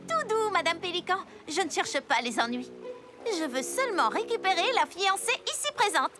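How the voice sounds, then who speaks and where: A woman voicing a cheerful, energetic young girl heroine in an animated series dub, bubbly and quick. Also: very high voice. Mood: excited. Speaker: lead character. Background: music.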